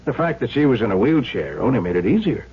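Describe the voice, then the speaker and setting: An American man plays a skeptical, sardonic police lieutenant interrogating a suspect in an old radio crime drama. His mid-range, breathy-edged voice is very animated, deliberate and dryly sarcastic, knowing in mood and manner. The recording is dull and noisy with hum.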